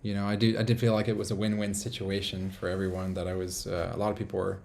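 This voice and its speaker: A man's voice: deep voice, level tone, fast, creaky, darkish tone, a little hiss or hum. A man from the United States hosting a casual live stream from a small apartment, rambling upbeat and reading viewer comments aloud.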